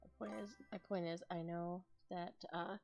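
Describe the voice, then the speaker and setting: A tired young woman streaming, chatting casually and thinking out loud with frequent laughs. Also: fairly low pitch, fairly even intonation, normal speed, soft background music. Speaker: ASMR streamer. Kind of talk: casual chat on a live stream.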